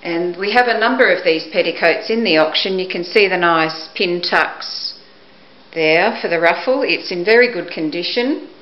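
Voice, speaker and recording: Speaking to a camera a few steps away in her living or dining room, a middle-aged woman with a lowish voice showcases auction items in a measured, matter-of-fact manner. The descriptive talk sounds echoey and dull, muffled, with background hiss.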